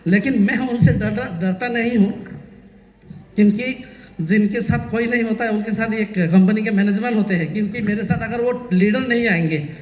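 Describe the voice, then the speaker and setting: A man with a high voice delivers a motivational speech from a stage to a seated audience. He talks straight to the crowd, urges them to clap and throws out questions. The sound is dull and lo-fi, with long reverb filling a big hall. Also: moderate pace. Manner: addresses the crowd directly, urging applause and asking rhetorical questions. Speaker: speaker at a business meeting.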